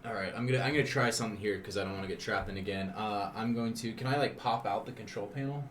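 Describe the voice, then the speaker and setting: A man playing a tabletop game, talking casually, swearing freely and tossing off quick asides. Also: fairly low pitch, a bit bright, reverberant, slight background noise. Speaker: player.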